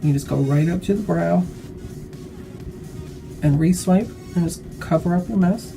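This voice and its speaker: A tipsy woman with a slightly low voice chats her way through a makeup tutorial. She rambles drunkenly in a loose, casual style and swears often. Music plays clearly behind her. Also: unhurried, mellow.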